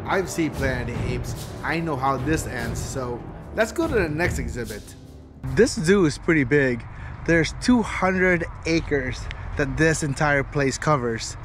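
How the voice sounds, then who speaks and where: A man's voice: on the high side, animated, a little slow, over music. A middle-aged man narrating a casual walking-tour vlog with a camera held at arm's length, chatty and upbeat as he walks. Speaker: family vlogger. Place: outdoors at a zoo. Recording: outdoor noise.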